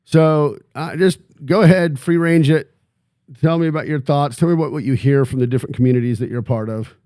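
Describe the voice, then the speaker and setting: A man's voice: a little high, fairly quick, dark tone, dry recording, clean studio sound. A man hosting a casual interview, asking joking, teasing questions. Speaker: podcast host.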